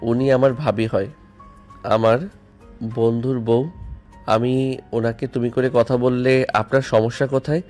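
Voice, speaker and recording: A young man, voiced by a man, playing the husband's friend in an audio love-story drama. His delivery is very flat and even, his pitch is mid, and soft music plays underneath. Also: close to an everyday voice.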